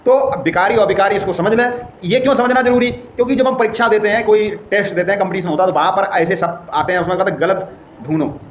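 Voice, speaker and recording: A man's voice: sits high, fast talker, hardly any pauses. A man teaching a grammar lesson. He explains with everyday examples and asks questions as he goes. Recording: echoey room with faint noise.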